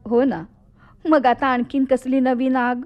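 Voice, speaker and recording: Devoted, anxious young wife. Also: female voice, high voice, flat delivery, unhurried, highs cut off. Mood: worried. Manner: gentle, pleading, anxious. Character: devoted young wife, later an elderly narrating widow. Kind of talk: radio drama acting.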